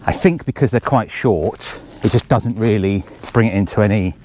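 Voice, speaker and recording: Out of breath on a forest trail, a race organiser rambles casually through a running commentary full of jokey asides. He speaks at a moderate pace in a lowish, darkish voice, and a faint hiss or hum sits under the recording.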